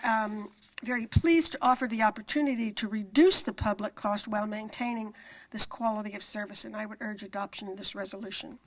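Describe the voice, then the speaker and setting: A woman with a fairly high voice presents formally as a council member. Her delivery is measured and a little halting, as from prepared notes. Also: low-quality recording. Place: council meeting room.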